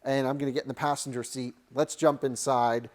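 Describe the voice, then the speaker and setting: A co-host reviewing cars sits in a parked car and bluntly criticizes its materials and build quality in a casual review. His medium-pitched voice is a little fast, the critique opinionated and animated, and the recording dry.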